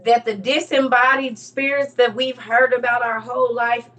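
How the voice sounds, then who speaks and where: A woman's voice: fairly high pitch, flat delivery, moderate pace, a bit bright, distant mic. Emphatic woman teaching, a bit off-mic. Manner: emphatic, repetitive, teaching as she reads. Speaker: online teacher on religion and history. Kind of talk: casual lecture to viewers.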